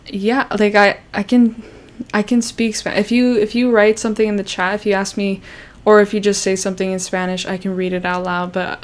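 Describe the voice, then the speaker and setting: This YouTuber, a young Canadian woman, has a clean, mid-range voice as she hosts a casual livestream chat. She rambles, uses lots of fillers, restarts her sentences, and sounds self-conscious.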